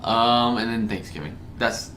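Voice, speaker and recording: A man co-hosting a casual podcast, easygoing and quick to laugh at himself. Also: mid-range voice, a bit bright, distant mic, a little hiss or hum. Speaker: podcast host. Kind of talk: casual chat among friends.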